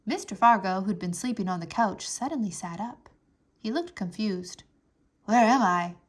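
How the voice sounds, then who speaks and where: A woman reading a children's chapter book aloud, narrating in an expressive, animated way. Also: medium pitch, normal speed.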